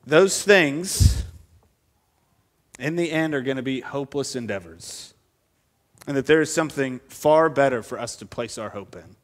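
Earnest male preacher at a pulpit microphone, voice pitched a bit high for a man, pressing the congregation with one question after another. He is preaching in a church sanctuary. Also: fairly bright tone, big-room sound. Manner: earnest, asks the congregation many rhetorical questions. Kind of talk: expository sermon.

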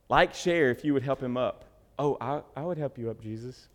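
Preacher guy, jokes around then goes quiet and serious, big echoey church hall. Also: mid-range voice. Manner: animated, jokey, swings from loud to hushed. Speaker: pastor. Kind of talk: sermon. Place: church sanctuary. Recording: reverberant hall.

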